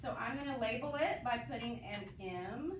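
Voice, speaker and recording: A woman's voice: a little high, normal speed. A woman teacher leading a classroom phonics lesson, upbeat and coaxing as she calls on students by name. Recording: roomy, distant mic, audible noise.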